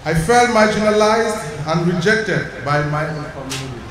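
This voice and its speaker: A man from Cameroon, giving a prepared personal testimony at a church service in a measured, deliberate way. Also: a little high, expressive. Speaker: congregant sharing a testimony. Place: large church sanctuary. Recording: echoey hall from far off, noisy.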